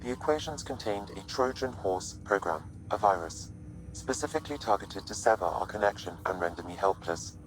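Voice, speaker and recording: A man voicing a calm male artificial intelligence in a video game, speaking in a measured, formal, unemotional way through a computer-processed synthetic filter. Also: fairly low pitch, low-quality recording. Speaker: ship's AI companion.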